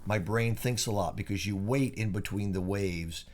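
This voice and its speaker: A man's voice: fairly low pitch, normal speed. An older man co-hosting a casual chat from bed on vacation, telling rambling, easygoing stories. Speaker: co-host.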